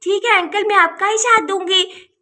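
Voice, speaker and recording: A cheerful little village girl in a doll storybook, voiced by a woman. Her voice is very high and bright, and she talks eagerly. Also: steady tone, moderate pace. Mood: chirpy. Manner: chirpy, eager.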